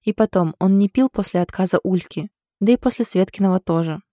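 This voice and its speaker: A woman's voice: medium pitch, brisk, no echo, studio quality, natural voice. A woman reading the lines of a stubborn, ironic young wife in an audiobook. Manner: ironic, sulky, sharp.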